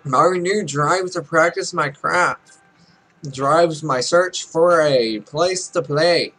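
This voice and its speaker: Reading game text slowly in a rather high, fairly bright voice, a twenty-something Let's Play streamer pokes fun at himself in casual, joking asides. He records in a small room at home, and the recording is rough.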